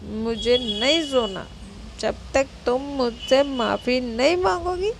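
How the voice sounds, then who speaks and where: A woman's voice: high-pitched, slow pace, creaky, background noise, full character voice. A woman voicing a drunk, childish young woman who sobs, stammers and sulks. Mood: sulky. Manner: sobbing, stammering, sulky.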